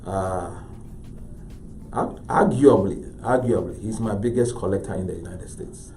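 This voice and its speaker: A man's voice: low-pitched, measured pace, slight background noise. Man with a Ghanaian accent, telling stories. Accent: Ghanaian English. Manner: animated, acts out voices in his story. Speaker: artist interviewee. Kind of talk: anecdotal storytelling. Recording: roomy echo.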